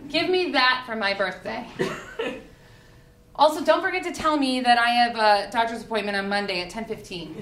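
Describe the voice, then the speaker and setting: Speaking at a moderate pace in a fairly high voice, a young woman performs a funny essay for a live crowd at a book reading, her delivery wry and theatrical. The setting is an indoor party room, captured through a stand-mounted podium mic in a roomy recording with slight background noise.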